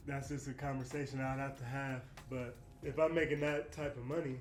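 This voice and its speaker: A man's voice: medium pitch, little pitch movement, brisk. A man in his late twenties, a basketball player talking candidly and reflectively in a casual interview. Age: 20s. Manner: candid, reflective, lots of "you know what I mean". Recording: echoey room with faint music.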